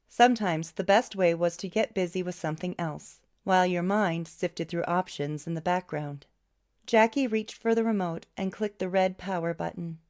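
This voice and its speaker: A woman reading a novel aloud as an audiobook narrator, in a steady, even storytelling way. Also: on the low side. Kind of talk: scripted narration.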